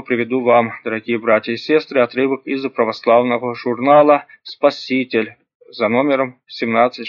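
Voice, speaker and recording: Male preacher, earnest sermon to a congregation, mid-pitched, muffled lo-fi sound.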